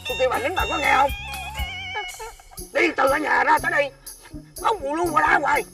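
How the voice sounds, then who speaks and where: An actor with a Southern Vietnamese accent playing a hot-tempered father who scolds his wife in loud bursts. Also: very high-pitched, distant mic, music in the background. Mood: scolding. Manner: scolding, shouting, fast bursts. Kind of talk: TV fairy-tale drama acting.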